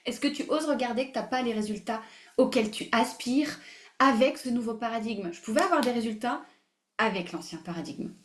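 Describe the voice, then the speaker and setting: A woman hosting a live online masterclass, animated and emphatic, repeating phrases, mixing in English words and laughing often. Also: fairly high pitch, a little fast, a little hiss or hum. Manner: mixes English words into her speech. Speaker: masterclass host. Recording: roomy echo.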